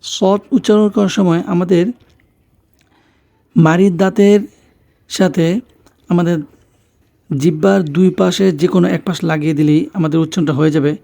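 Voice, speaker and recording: A male Quran teacher with a Bangladeshi Bengali accent. He walks through each sound slowly and patiently, saying it again and again. His voice sits high, with a gravelly, creaky edge. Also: warm tone. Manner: slow, patient, repeats each sound several times. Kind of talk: pronunciation lesson.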